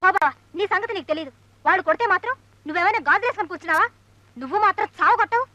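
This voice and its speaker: A chattering, teasing sidekick. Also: female voice, extremely high pitch, expressive, very fast, bright, forceful tone, no echo, lo-fi sound, heavily acted. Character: cheeky, chattering young woman, lawyer's sidekick. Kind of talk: film comedy dialogue.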